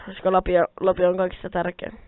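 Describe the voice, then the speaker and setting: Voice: mid-range voice, completely flat delivery, no echo. A let's player giving casual gameplay commentary, rambling to themself and the viewers and swearing often as they grumble at the game. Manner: rambling, self-talking, addresses viewers. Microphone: quiet mic held close. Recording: tinny phone-like mic, dry.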